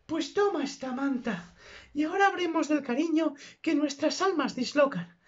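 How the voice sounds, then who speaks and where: A woman's voice: high voice, moderate pace, natural voice. A woman voicing a lovesick young noble daughter who exclaims melodramatically, in a dull, muffled recording. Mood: melodramatic love.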